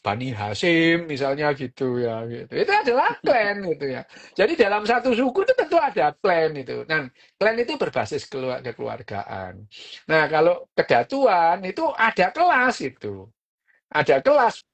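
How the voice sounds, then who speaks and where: A woman's voice: sits low, big pitch swings, moderate pace. A woman, hosting a podcast and explaining a book in a casual, chatty way, full of fillers and little jokes.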